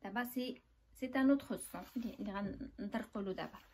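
A woman's voice: medium pitch, brisk, a little mellow, slight background noise. A young woman with a Moroccan accent teaching basic French, explaining each point step by step and checking that her students follow. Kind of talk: classroom lesson.

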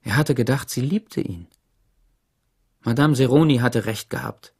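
A man narrating an audiobook in an expressive storytelling manner. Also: mid-range voice, a little slow, husky. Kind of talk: scripted narration.

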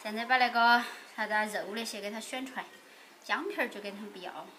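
A woman's voice: on the high side, fast talker, sharp tone, a little hiss or hum. A young woman speaking in Sichuan dialect, casually chatting through a cooking demonstration as a vlog host in an open-air village kitchen. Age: young adult.

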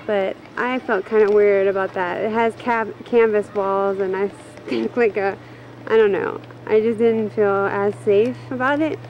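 A woman's voice: mid-range voice, steady tone, a little slow, lo-fi sound. A young woman chatting as she points out sights from a moving car, recorded on an old camcorder tape through its built-in mic. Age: young adult. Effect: old camcorder tape audio. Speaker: traveler filming a trip. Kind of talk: casual home-video narration. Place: in a moving car on a road trip. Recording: hissy old camcorder tape with loud noise.

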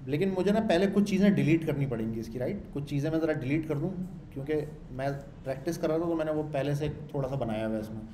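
Chatty male coding tutor, a bit high-pitched, talks through each step in a roomy space. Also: animated, fast talker, dark tone, slight background noise. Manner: chatty, asks and answers own questions, repeats points. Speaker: programming instructor. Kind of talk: screen-share coding tutorial.

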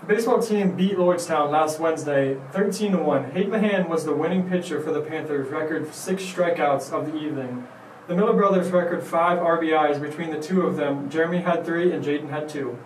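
A man reading school sports results over the intercom in a quick, brisk way. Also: on the high side. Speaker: announcer. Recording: echoey and distant with faint hiss.

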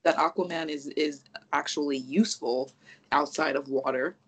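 A podcast co-host in casual chat, animated and profane, rambling through restarts and acting out reactions. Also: medium pitch, moderate pace, husky, poor audio.

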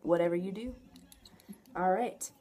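A woman's voice: lowish voice, a little slow, warm tone. A young adult woman giving a casual, enthusiastic product review to camera in an informal way. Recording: noticeable background noise, home camera audio.

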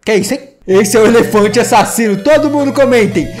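A man giving playful, excitable gameplay commentary as a gaming YouTuber, full of exclamations. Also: very high voice, brisk, soft background music.

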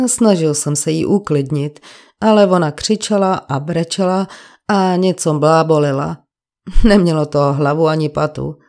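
Woman voicing a gruff defensive bricklayer. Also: on the low side, warm tone, lightly acted. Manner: coarse colloquial speech, grumbling. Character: gruff working-class male bricklayer witness, defensive.

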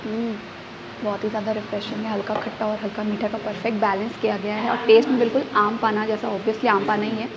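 A woman's voice: medium pitch, dull audio, noisy background. A young woman vlogging a casual food review, chatting about each dish as she tastes it in a small restaurant, filmed on a phone at arm's length. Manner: chatty, describes each dish while tasting. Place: small indoor restaurant and outside its entrance.

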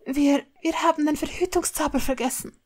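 A woman's voice: sits high, fairly even intonation, slow, in a whisper, pitched above the performer's own voice. A woman reading a storybook part as an anxious young woman, breathless, pleading and shaky. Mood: panicked.

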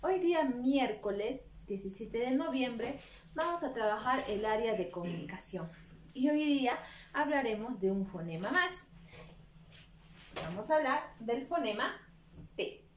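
Peruvian teacher lady sounding out syllables real slow for little kids, bit high pitched. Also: expressive. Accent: Peruvian Spanish. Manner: slow, drawn-out syllables, questions to young children. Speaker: preschool teacher. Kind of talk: children's phonics lesson. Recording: echoey room with faint noise.

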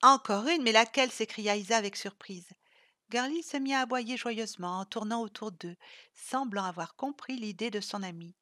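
Lady narrating an audiobook, calm and measured, dead dry mic. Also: medium pitch, no room sound. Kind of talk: novel reading.

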